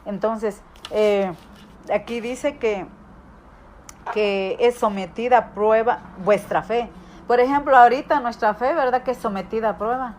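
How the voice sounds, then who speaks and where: A woman's voice: a little high, a little slow, darkish tone. A woman preaches a sermon in a church hall. She tells stories from her own life and acts out the voices she quotes. A faint noise runs under the recording. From Guatemala.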